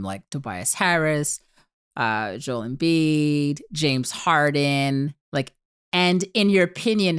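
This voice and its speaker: Low-voiced, unhurried woman host. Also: fairly bright tone, smooth, no room sound, studio quality. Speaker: podcast host. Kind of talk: interview questions.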